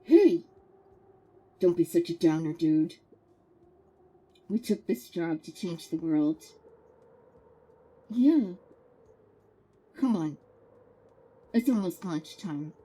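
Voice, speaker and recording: A woman's voice: on the low side, lively intonation, slow pace, long pauses, mellow, pitched below the performer's own voice, full character voice. A woman doing a muffled hazmat-suit dude talking into a cup. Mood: cheery. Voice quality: hollow, muffled, husky. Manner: laid-back, dude-speak. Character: two young male workers in hazmat suits. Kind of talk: voicing game characters while streaming.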